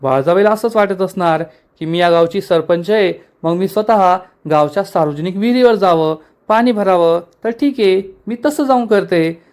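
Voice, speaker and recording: A man's voice: high-pitched, normal speed, a little mellow, clean tone, natural voice. A man reading aloud the lines of a determined young woman who is village head, speaking reassuringly and firmly. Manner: reassuring, firm.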